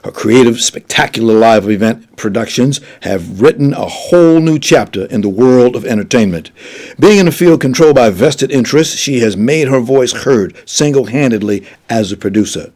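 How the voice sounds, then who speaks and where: Man, talk show host, husky voice, formal and effusive. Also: medium pitch, animated, normal speed, a little mellow. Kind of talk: radio-style interview hosting.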